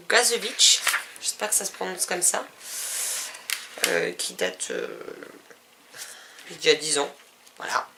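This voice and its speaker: A woman's voice: medium pitch, vocal fry, pushed and bright, a little hiss or hum. A woman vlogger casually listing books and publishers, with fillers and self-corrections. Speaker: book vlogger. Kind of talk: casual book haul vlog.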